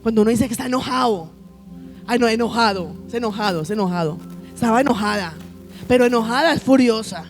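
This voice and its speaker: A woman's voice: on the high side, fast talker, faint music behind. A woman pastor preaching a sermon, emphatic, repeating phrases and calling her listeners children.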